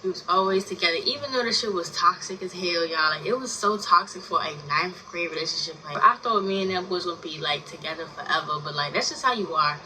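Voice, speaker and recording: Her lowish, bright voice hits hard, moving quickly with hardly any pauses as the twenty-year-old vlogger tells a personal story. She's rambling and chatty, peppering it with fillers and casual swearing. The mic is distant and the background noisy.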